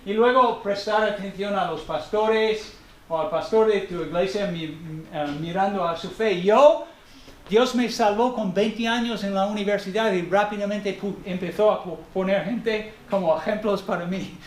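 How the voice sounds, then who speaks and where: High-voiced male preacher in echoey church. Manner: animated, conversational preaching with frequent "ok?" checks; searches for words in Spanish, with halting restarts. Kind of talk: sermon. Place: church hall.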